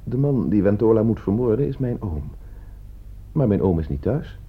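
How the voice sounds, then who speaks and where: In a radio play, an actor voices Loimu, a cool, self-assured, precise man who proves his point yet becomes rattled. The delivery is exaggerated, fairly low with big pitch swings, moderate in pace and slightly rough, in a dull lo-fi recording.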